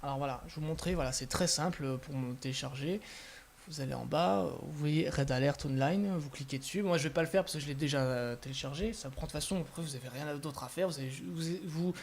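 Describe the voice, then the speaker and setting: Guy doing a casual screen walkthrough, kinda high voice, lots of umms and restarts, really into it. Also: quick pace, creaky, slight background noise. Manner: hesitant, many filler sounds and restarts; enthusiastic. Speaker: gaming video host.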